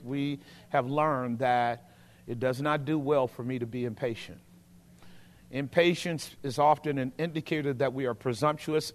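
Guy preaching a sermon in a big echoey cathedral-like hall, voice on the high side, emphatic, keeps asking the listeners questions. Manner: emphatic, deliberate, checks in with listeners using rhetorical questions. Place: large reverberant indoor hall, preaching to congregation. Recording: long echoing reverb of large hall.

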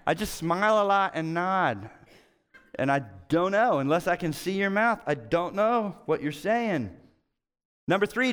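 A middle-aged man preaching a conversational sermon as pastor, telling stories animatedly and acting out quotes with sudden jumps in pitch. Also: fairly bright tone. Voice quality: hard of hearing.

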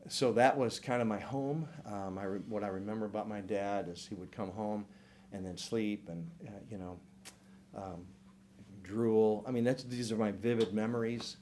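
Deep-voiced older man sharing testimony. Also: steady tone, moderate pace, mellow, slight background noise. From St. Louis area, United States. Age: 60s. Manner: earnest, reflective storytelling. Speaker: church class speaker. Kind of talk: personal testimony talk.

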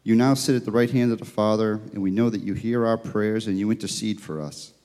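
A man, a church elder, leading a spoken prayer in a steady, reverent way, his voice ringing with a long cathedral-like echo. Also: lowish voice, fairly quick. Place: church sanctuary.

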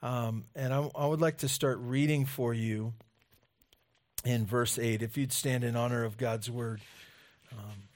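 A man preaching as a pastor at a pulpit microphone, speaking in a halting way with many pauses. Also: mid-range voice, steady tone, darkish tone. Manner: halting, pause-filled delivery. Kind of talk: sermon with scripture reading and prayer.

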